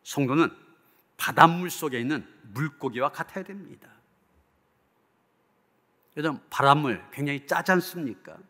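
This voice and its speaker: In a church hall with long reverb, a man with a slightly high, sharp voice preaches a sermon as a pastor. His delivery is earnest, emphatic and rhetorical, and he closes in prayer.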